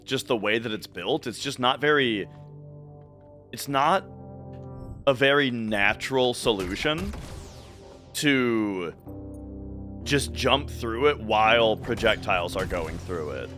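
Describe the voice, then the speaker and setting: Male streamer, casual ramble full of fillers and false starts, bright forward tone, studio mic at a home desk, faint music underneath. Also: mid-range voice, lively intonation, measured pace, long pauses. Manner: rambling, with many fillers and restarts. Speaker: live streamer. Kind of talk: casual live-stream chat while gaming. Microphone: studio mic through a desk mixer.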